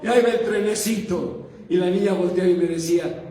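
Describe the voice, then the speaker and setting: Male pastor, sermon, storytelling with joking asides, high voice, heard from afar in a big echoing hall. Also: warm tone, far from the mic. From Mexico. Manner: storytelling with quick humorous asides and audience questions.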